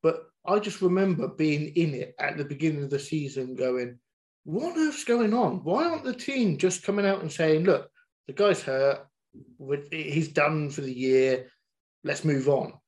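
Animated man, fairly high voice. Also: unhurried. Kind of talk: casual chat.

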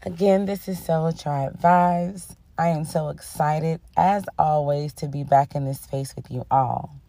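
Low-voiced woman hosting a podcast, under the weather. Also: steady tone, measured pace, vocal fry, no room sound. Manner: warm-toned, affirming, sprinkles in "okay?" and "honey". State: under the weather, voice a bit rough. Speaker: podcast host. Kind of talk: casual spiritual podcast chat.

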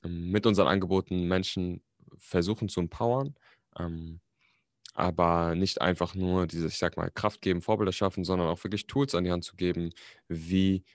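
Young guy with a really low voice, laid back slangy chat, dry sound. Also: moderate pace, no room sound. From Germany. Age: 20s. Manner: relaxed, slangy, mixes in English words. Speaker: guest. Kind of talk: casual interview chat.

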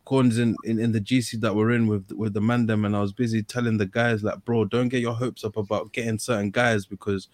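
A man's voice: on the low side, little pitch movement, fairly quick, hardly any pauses, darkish tone, no echo. A man with a London accent chatting casually and slangily about football as an opinionated fan, repeating phrases for emphasis. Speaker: football fan panellist on a podcast.

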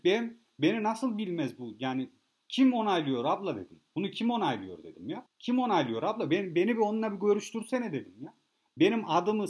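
A man's voice: sits high, a little mellow. A man telling a rambling, boastful comic story straight to his listeners, swearing freely and repeating himself as he goes. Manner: boastful, profane, rambling, addresses listeners as kids. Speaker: comedic monologue host. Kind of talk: casual rambling comic rant.

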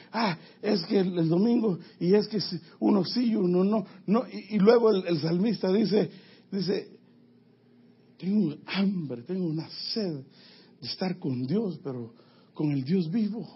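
Husky emphatic man preaching a sermon. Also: high-pitched, unhurried. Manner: emphatic preaching, swinging from loud to quiet. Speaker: pastor. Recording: dull lo-fi sound.

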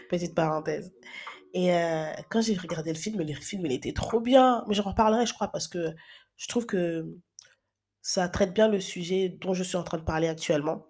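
Chatty husky-voiced woman in her thirties. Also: fairly low pitch, moderate pace, darkish tone. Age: 30s. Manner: chatty, many filler sounds and restarts. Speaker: advice vlogger. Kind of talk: casual advice talk.

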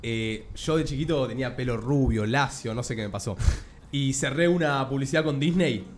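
A young man with an Argentine Rioplatense accent, co-hosting a casual podcast chat and telling animated childhood stories. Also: mid-range voice, moderate pace, slight background noise. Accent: Argentine Rioplatense Spanish. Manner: animated storyteller, acts out quoted voices. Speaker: podcast co-host. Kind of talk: casual chat among friends.

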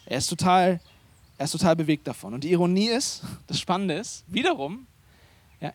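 A man's voice: high-pitched, dry recording. A man preaching a sermon as pastor, speaking conversationally and emphatically, often turning to the congregation with questions. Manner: animated, emphatic delivery.

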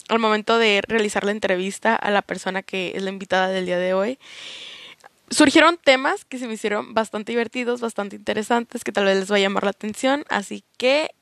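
A woman's voice: mid-range voice, gravelly, fairly bright tone, no room sound. Woman, podcast host, casual chat, playful, dry close sound. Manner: chatty, playful and teasing.

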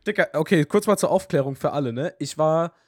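Young male podcast co-host, higher-pitched, animated slangy storyteller, dry close sound. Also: fast talker, no room sound. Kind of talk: casual chat.

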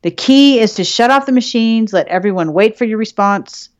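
A woman's voice: fairly high pitch, animated, normal speed, no echo, studio quality. A woman co-hosting a podcast in casual chat, swearing freely and laughing often. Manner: profane, laughing, chatty. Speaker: podcast co-host.

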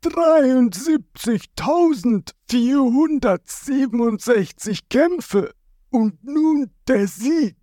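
A man voicing a huge ancient giant warrior who speaks slowly and heavily. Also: extremely high pitch, expressive, darkish tone, no room sound, studio quality, voice pushed up, heavily acted. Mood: tearful, proud. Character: hulking ancient giant warrior, weeping, proud.

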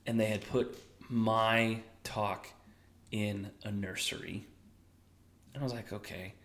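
A man's voice: on the low side, little pitch movement, takes it slowly, a bit bright. A man co-hosting a podcast, telling a story in casual chat, self-deprecating and sometimes dropping to a whisper for emphasis. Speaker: podcast co-host.

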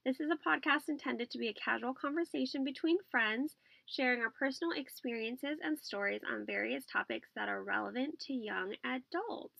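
Female podcast host, twenties, American. Higher-pitched, gravelly fry, playful and slangy, muffled as if recorded in a closet. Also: moderate pace, hardly any pauses, sharp tone, no room sound. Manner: bubbly, slangy, teasing. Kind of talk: casual podcast chat. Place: small closet, seated on floor pillows.

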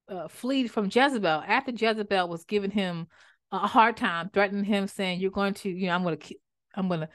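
A woman hosting a podcast, giving a faith-based motivational talk, speaking fast and animated, often repeating and restarting phrases. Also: medium pitch. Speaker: podcast host and author.

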